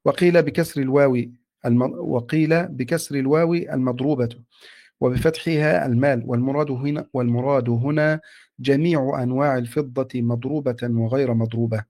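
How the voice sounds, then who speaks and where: Man, student reader, formal classical recitation, steady and respectful, middle pitch. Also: brisk. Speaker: student reading a text to his teacher. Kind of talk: formal reading aloud of a classical text.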